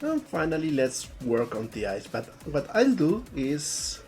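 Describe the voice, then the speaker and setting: Here the voice is medium-pitched, very animated and darkish in tone, moving at a measured pace. The speaker is a game developer from Spain, a native Spanish speaker with an Andalusian accent, casually streaming his art, thinking aloud mid-work and often saying words twice. Soft music runs underneath.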